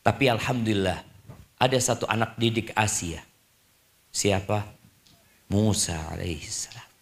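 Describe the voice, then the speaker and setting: A man preaching a sermon to a live congregation, lively, mixing formal and casual speech and acting out little dialogues. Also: lowish voice, normal speed.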